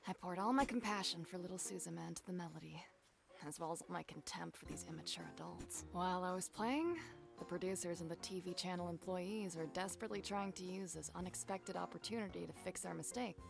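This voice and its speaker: An actress voicing a composed, proud adult female violinist in game dialogue, telling her story with measured, dry disdain. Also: lowish voice, creaky, over music. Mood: wry. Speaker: violinist character.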